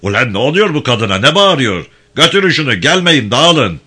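A man playing a bullying, shouting police chief. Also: medium pitch, very animated, normal speed, pitched above the performer's own voice, heavily acted. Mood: angry, commanding. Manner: shouting orders, rough and threatening. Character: harsh, bullying male Ottoman police chief.

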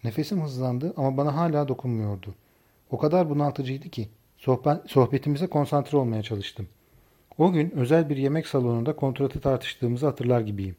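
A man calmly narrating a first-person novel for an audiobook. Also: medium pitch, moderate pace.

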